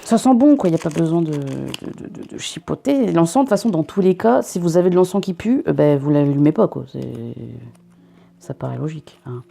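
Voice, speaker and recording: A woman's voice: sits low, animated, a little fast, creaky, mellow. A young woman from northern France near the Belgian border, chatting casually and jokily while unboxing, often breaking off her own sentences. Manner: chatty, self-interrupting, jokey asides. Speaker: vlogger reviewing a subscription box.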